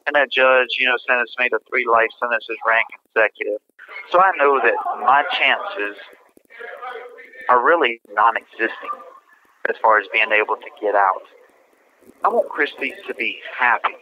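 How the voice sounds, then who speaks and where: A man on a prison phone line, telling his own story in a plain, halting way with many fillers. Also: medium pitch, slight background noise. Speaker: incarcerated interviewee. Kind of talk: casual personal account. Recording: dull prison phone line with music under it.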